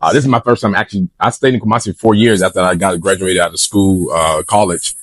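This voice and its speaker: A man from Atlanta, a bar co-owner, talking in a relaxed, easygoing way in an interview. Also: low voice, fast talker, no room sound. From Atlanta, Georgia, US. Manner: relaxed, easygoing, with fillers and restarts. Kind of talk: casual interview.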